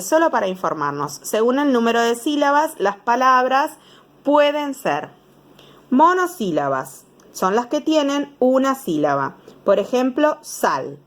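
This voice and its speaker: A young woman with a Rioplatense Spanish accent, explaining schoolwork to small children. She speaks slowly, her pitch rising and falling in a lively, animated way. She sounds out syllables one by one and keeps checking that the children follow. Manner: slow, patient, sounding out syllables with frequent checks. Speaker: teacher. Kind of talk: explaining homework to young pupils.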